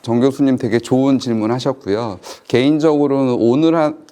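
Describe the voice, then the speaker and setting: A man's voice: medium pitch, steady tone, fairly quick, mellow. A male ENT doctor on a medical panel, talking emphatically, repeating his points and adding jokey asides. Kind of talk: panel discussion.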